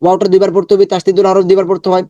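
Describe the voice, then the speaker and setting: Male Quran tutor, fairly high voice, dry close sound, patient syllable-by-syllable drilling and slow chanted recitation. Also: monotone, warm tone, no echo, muffled recording. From Bangladesh. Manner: chants the Arabic verse slowly and drawn out. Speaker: Quran teacher. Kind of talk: online Quran recitation lesson.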